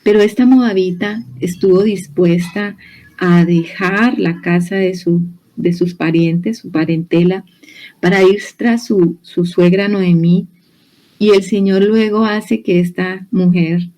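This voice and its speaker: A woman's voice: on the low side, steady tone, slow, mellow, rough recording. A Colombian woman with a Colombian Spanish accent, teaching a Bible study in a church in a chatty, explanatory way, often restarting her sentences. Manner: explanatory, conversational, with many restarts. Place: church hall.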